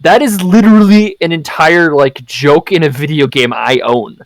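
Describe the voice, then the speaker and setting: A man's voice: on the high side, moderate pace, no echo. A young man chatting casually on a podcast, swearing often and rambling with fillers. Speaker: podcast co-host. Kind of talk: casual chat.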